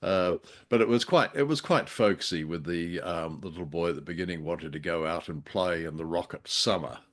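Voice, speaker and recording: Reviewing an old radio drama in relaxed podcast conversation, this older co-host speaks with a low, fairly bright voice at moderate pace. His delivery is wry and joking, also somewhat hesitant.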